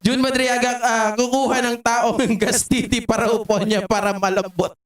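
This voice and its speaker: A man's voice: extremely high pitch, level tone, moderate pace. A man hosting a political commentary livestream from home, mocking his targets, laughing often and reading viewer comments aloud. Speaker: livestream host. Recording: echoey, distant, loud noise.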